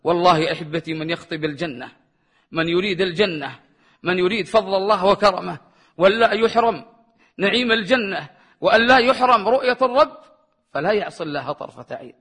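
Male preacher, sermon, high voice, bright tone, impassioned delivery, chanted verses. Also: brisk, slightly rough. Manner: impassioned, rising pitch on questions, chants verses.

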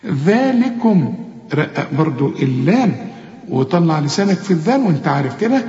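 A man with an Egyptian accent teaching Quran recitation rules, slowly reciting words and then briskly correcting the listener's pronunciation. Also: a little high, big pitch swings, darkish tone. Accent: Egyptian Arabic. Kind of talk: tajweed lesson mixing sermon and recitation drills. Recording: echoey, reverberant, dull lo-fi sound.

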